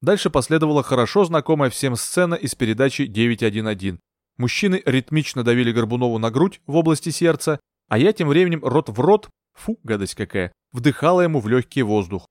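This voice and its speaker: A man narrating a first-person audiobook in a steady, measured storytelling manner. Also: mid-range voice, dry recording, clean studio sound. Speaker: audiobook reader.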